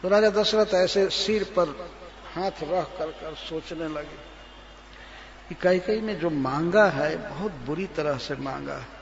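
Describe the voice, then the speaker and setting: High-voiced male preacher chanting verses. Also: slow pace, crowd noise. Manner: chants verses, then explains them as a story. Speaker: spiritual teacher. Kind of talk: Hindi scripture discourse. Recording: long reverb, dull lo-fi sound.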